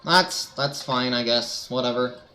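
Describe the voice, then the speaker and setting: A man's voice: medium pitch, a little slow, sharp tone. A man streaming a video game, giving casual, sarcastic, joking commentary.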